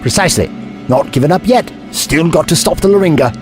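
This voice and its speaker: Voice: mid-range voice, lively intonation, fairly quick, over music, natural voice. A performer in an audio drama playing the Doctor, an eccentric, kindly time traveller who explains things in a wordy, scholarly way. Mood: grave, reflective.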